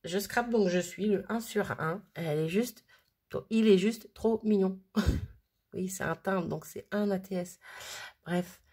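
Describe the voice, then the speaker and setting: Husky woman vlogging about crafts, gushy, keeps stumbling over her words. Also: mid-range voice, measured pace, darkish tone. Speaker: crafting vlogger showing mail she received. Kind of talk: casual chat.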